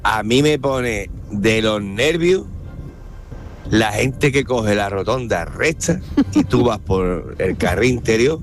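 A man's voice: fairly low pitch, lively intonation, slow pace, soft background music. A man calling in to a radio show with an indignant complaint. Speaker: caller.

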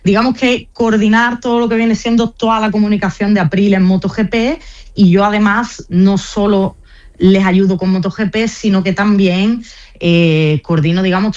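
This team press officer is a young Spanish woman with a slight Andalusian accent mixed with Italian, talking in a radio interview. Her medium-pitched, slightly mellow voice comes through with the highs cut off, and her chatty speech is full of fillers and false starts.

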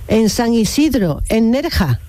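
A woman's voice: fairly high pitch, big pitch swings, a little slow, warm tone. A woman hosting a morning call-in radio show, chatty and encouraging with her callers. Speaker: radio host.

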